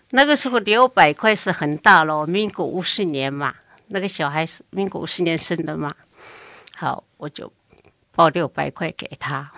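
An older woman tells her family history in an extended oral history interview, animatedly performing other people's words as she goes. Her pitch is fairly low, and the recording is dry.

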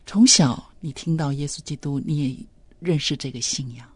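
An interviewer asking measured, affirming questions of a guest. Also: medium pitch, slightly rough, no echo.

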